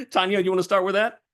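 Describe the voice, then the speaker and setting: A man from Malaysia, giving an emphatic, animated panel talk over a video call, with frequent restarts. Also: high voice. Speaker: panel speaker.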